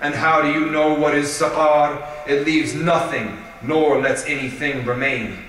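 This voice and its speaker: A man giving a sermon at a religious gathering, reading aloud in a measured, steady way. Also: fairly high pitch, slight background noise. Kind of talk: sermon with read-aloud prayer. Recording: echoey hall, voice from far off.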